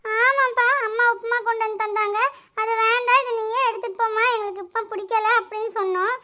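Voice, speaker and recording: A whiny, sulky cartoon girl, as a woman puts her on, with a squeaky, very high and bright voice. She talks quickly and pleads like a spoiled kid. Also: steady tone. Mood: pleading. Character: sulky young girl, the daughter. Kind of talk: cartoon voice acting.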